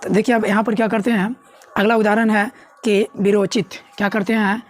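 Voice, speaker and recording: A woman teaches a grammar lesson in a mid-pitched voice. She keeps asking the class questions and answers them herself, coaxing them along. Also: little pitch movement, moderate pace. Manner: repeats questions to students, coaxing.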